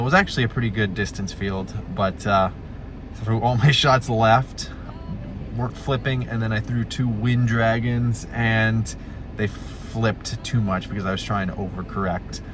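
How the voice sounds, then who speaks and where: A man's voice: on the low side, noisy background. A young man, a disc golf pro, vlogging his tournament outdoors in a laid-back, joking way. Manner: laid-back, jokey, laughs at his own bits. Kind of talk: casual vlog narration. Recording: background music under the voice.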